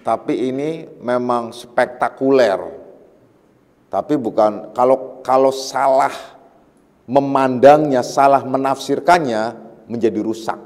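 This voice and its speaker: A Sufi teacher gives a religious lecture on a classical text, his voice mid-range, slow and a little mellow, with a big-room sound. He explains patiently, repeats key phrases, draws on everyday examples and issues emphatic warnings.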